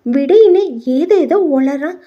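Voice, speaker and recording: A woman's voice: high-pitched, lively intonation, takes it slowly, dark tone. A woman voicing a gossipy, bossy married woman who nags and teases, on muffled lo-fi audio. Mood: gossiping. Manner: nagging, teasing.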